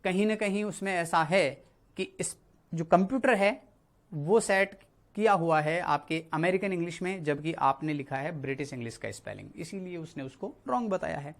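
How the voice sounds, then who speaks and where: A man's voice: a little high, normal speed. A male teacher explaining an English lesson, repeating key words and checking in often. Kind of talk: spoken Hindi classroom lesson.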